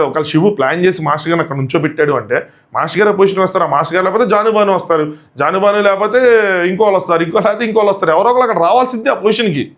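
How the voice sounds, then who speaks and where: A man giving a critical, emphatic review of a reality show episode, arguing his points. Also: a little high. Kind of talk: fast opinionated episode review.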